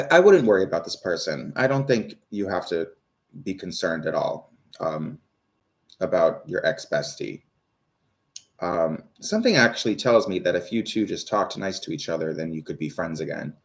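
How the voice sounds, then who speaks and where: A man in his thirties doing a live tarot reading, rambling and swearing between viewers' questions. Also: low voice. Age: 30s. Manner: rambling, swears, many fillers and restarts; talks to viewers, reads out their questions. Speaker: tarot reader.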